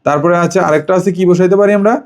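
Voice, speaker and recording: A man's voice: sits high, steady tone, fast talker. A man teaching English grammar to a child, asking questions and repeating the answers. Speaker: English tutor. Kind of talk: home tutoring lesson.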